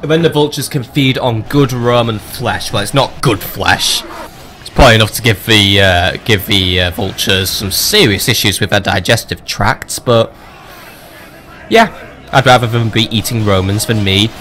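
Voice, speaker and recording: A man's voice: on the low side, moderate pace, fairly bright tone, a little hiss or hum. A man casually commentating on his strategy game as a let's play host, rambling with joking, swearing asides.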